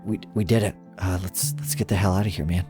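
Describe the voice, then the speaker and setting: A man's voice: deep voice, steady tone, quick pace, warm tone, soft background music, natural voice. A man voicing a brash young thief who is blunt and dismissive. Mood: defensive.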